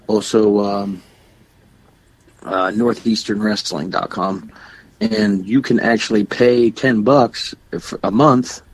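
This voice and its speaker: Young guy cohosting a podcast, lowish voice, keeps restarting sentences. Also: no room sound, rough recording. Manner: rambling, restarts often; plugs shows and websites. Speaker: podcast co-host. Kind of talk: casual chat.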